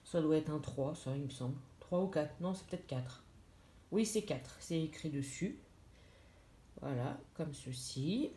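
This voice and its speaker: A woman's voice: low-pitched, expressive, measured pace, mellow. A woman talks casually through an unboxing, hesitant and chatty, full of fillers and restarts. Her voice rings in an echoey room with plain background noise. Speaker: diamond painting vlogger. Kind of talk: casual unboxing chat to camera.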